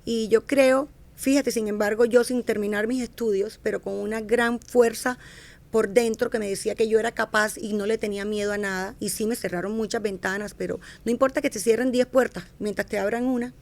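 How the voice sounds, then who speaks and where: In a casual podcast interview, a middle-aged woman from the fashion business shares stories from her career, repeatedly restarting and correcting herself while acting out what people said. She talks a little fast in a higher, steady voice that is darkish and has vocal fry.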